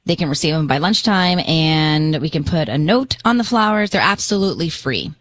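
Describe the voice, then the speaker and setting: A woman making a friendly sales pitch on a phone call. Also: lively intonation, moderate pace, no room sound. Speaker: radio co-host posing as a florist.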